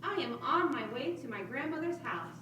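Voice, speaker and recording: A woman's voice: sits high, sing-song, normal speed. A woman playing a polite, trusting little girl in a children's puppet show, with a sing-song delivery. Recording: echoey room, distant mic, clear background noise.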